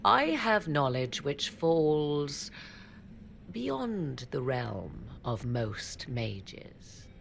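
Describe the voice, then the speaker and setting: Exaggerated and low-pitched, this woman's voice swings widely in pitch, draws out words, and carries vocal fry, with a little hiss or hum in the recording. She's an actress voicing a sardonic, aloof mage steeped in forbidden arts for a game cutscene, using formal, old-fashioned speech and wry, teasing asides.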